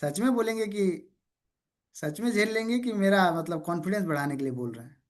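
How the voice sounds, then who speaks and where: A lively man runs a sales workshop over a video call. He drives the group through call-and-response drills and keeps asking whether everyone is with him. He also teases participants good-naturedly along the way. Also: high voice, fairly quick. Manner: energetic call-and-response, keeps checking in with "okay?"; playful teasing of participants. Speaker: sales trainer. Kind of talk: interactive online training session.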